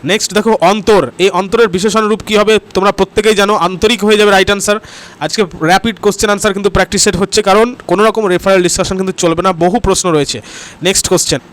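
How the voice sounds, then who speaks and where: A man's voice: high voice, level tone, rapid-fire, fairly bright tone, clear, resonant tone. A man from West Bengal teaching grammar in an online exam-prep class, talking straight to his students and checking "okay?" after each answer. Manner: repeats "ঠিক আছে?" and "next question" as checks and cues; talks straight to the students, urging comments and likes.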